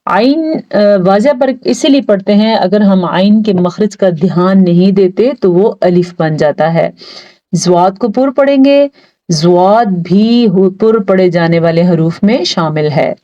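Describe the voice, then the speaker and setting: Woman teacher going over quran pronunciation, slow and patient, soft dark voice, kinda muffled recording. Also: medium pitch. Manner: explains rules, then slowly stretches out each recited word. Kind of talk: step-by-step pronunciation lesson.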